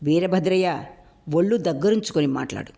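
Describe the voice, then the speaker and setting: A woman's voice: fairly low pitch, brisk, gravelly, dark tone. A woman voicing a fierce, angry young man who roars his lines at a village council meeting. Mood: defiant. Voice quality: fierce, roaring delivery.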